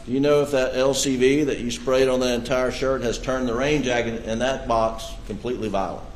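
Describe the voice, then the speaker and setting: A man's voice: mid-range voice, fairly even intonation, a little fast. A man acting as defense attorney, pressing a witness with pointed leading questions, heard in a courtroom recording. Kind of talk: courtroom cross-examination. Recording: echoey courtroom feed, faint hiss.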